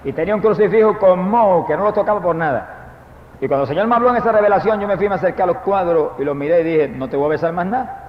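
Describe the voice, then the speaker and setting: A man with a high voice preaches a fervent testimony sermon. He swings between quiet, intimate telling and loud proclaiming. The old recording sounds dull and lo-fi, with long echo from a large hall. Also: expressive, quick pace. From Puerto Rico. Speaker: evangelist preacher.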